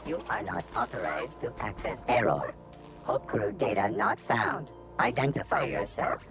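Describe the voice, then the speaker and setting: Stern security computer, gravelly, clipped readouts over game music. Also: male voice, mid-range voice, a little slow. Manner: flat, clipped machine announcements. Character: stern male ship computer guarding access.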